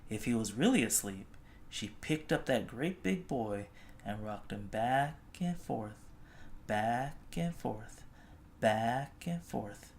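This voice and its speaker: With a medium-pitched, animated voice, a reader narrates a children's story expressively, stretching phrases in a gentle way. A little hiss or hum is audible.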